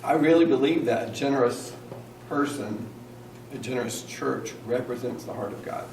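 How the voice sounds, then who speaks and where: A man's voice: mid-range voice, moderate pace, a little mellow. A man pastor preaching an earnest sermon and calling on his congregation to repeat lines after him. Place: church hall. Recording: echoey room, mic at a distance, faint noise.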